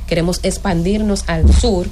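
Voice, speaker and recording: Woman engineer, lower voice, steady explanation, faint background noise. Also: moderate pace. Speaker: engineer interviewed as a radio guest. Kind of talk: radio interview.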